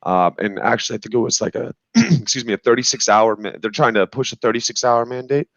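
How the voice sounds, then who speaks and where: A man on a discussion panel, explaining analytically in halting, measured phrases, on slightly muffled audio. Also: mid-range voice, dry recording. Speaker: podcast panelist.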